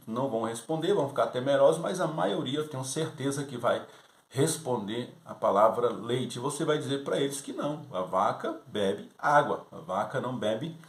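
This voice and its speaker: A man talks fellow teachers through a Sunday school lesson, easygoing and conversational. His voice sits at a middle pitch and often checks in with a quick "right?". The room around him is echoey. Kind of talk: teaching tips for youth class teachers.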